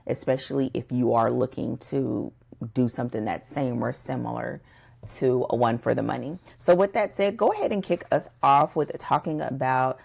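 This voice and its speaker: A woman's voice: extremely low pitch, moderate pace, gravelly, darkish tone. A woman co-hosting a casual podcast, talking emphatically and addressing listeners directly. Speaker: podcast co-host.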